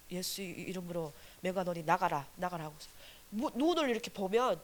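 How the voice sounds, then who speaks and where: A woman's voice: mid-range voice, a little hiss or hum. A woman evangelist gives her testimony to a church congregation. She talks earnestly and with animation, packing her story with fillers.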